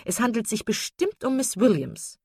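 A woman's voice: on the high side, sing-song, moderate pace, gravelly, dark tone, husky, no echo, voice pushed up, heavily acted. A woman voicing a gossipy, prying older woman in a read-aloud novel, eager and nosy.

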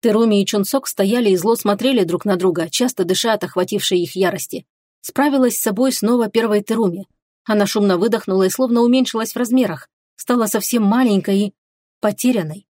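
A woman narrating an audiobook in an expressive storytelling manner. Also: mid-range voice, brisk, no echo, studio quality.

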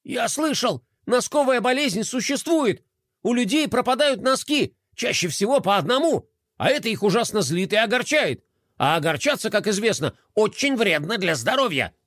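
A man's voice: sits high, sing-song, moderate pace, a bit bright, no room sound, studio quality, voice pushed up, exaggerated voice. A man voicing a nervous, know-it-all little character who explains things earnestly and with worry. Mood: worried.

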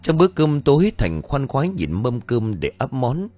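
A man's voice: mid-range voice, sing-song, normal speed, a little mellow, soft background music. A man reading a horror story aloud as an audiobook narrator, telling it in a dramatic way.

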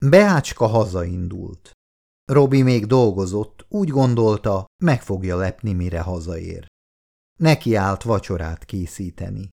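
A man reading an audiobook aloud with an expressive, animated delivery. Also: low voice, vocal fry. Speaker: audiobook narrator.

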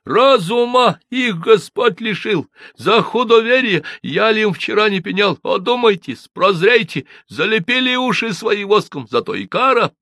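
A man's voice: high voice, expressive, a little slow, few pauses, bright, forceful tone, no echo, studio quality, pitched above the performer's own voice, full character voice. A man voicing a zealous village priest who denounces in a thundering, preachy way.

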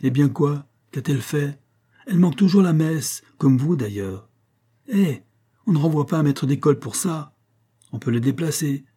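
A man's voice: medium pitch, lively intonation, moderate pace, dark tone, slightly rough, pitched above the performer's own voice. A man reading the part of a proud, poor male village schoolmaster who bursts out in agitated protest, in an audiobook. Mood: exasperated. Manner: agitated, exasperated outbursts.

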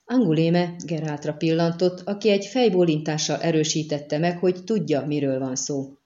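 Woman narrator, low pitch, mellow tone, audiobook reading, dull lo-fi recording. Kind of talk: scripted narration.

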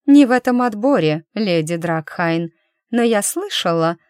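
A woman's voice: mid-range voice, lively intonation, a little slow, darkish tone, clean tone, no echo, clean studio sound, voice pushed up, close to an everyday voice. A woman voicing a proud, cold young lady chaperone who speaks haughtily in a raised voice. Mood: cold haughty.

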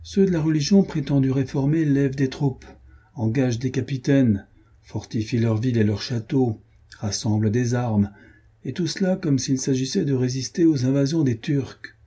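A man's voice: medium pitch, normal speed, mellow, husky, pitched above the performer's own voice, close to an everyday voice. A man reading aloud, voicing an arrogant, proud foreign nobleman and warrior who speaks haughtily. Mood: boastful. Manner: haughty, boastful.

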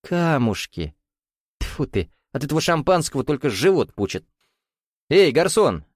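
A man's voice: fairly high pitch, very animated, moderate pace, dry recording, clean studio sound, voice pushed up. A man voicing a jovial, sly bearded Russian nouveau-riche man who teases in a folksy, coaxing way with veiled menace.

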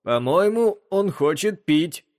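A nervous young crewman speaks up in a higher, eager voice, as a male narrator puts him on. He sounds anxious to please. The recording is dry and close. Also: expressive, slow, a little mellow, dry recording.

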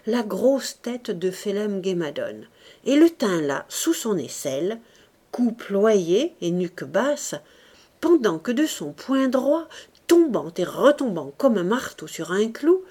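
Slow expressive woman audiobook reader. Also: mid-range voice. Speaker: audiobook narrator. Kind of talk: literary audiobook reading.

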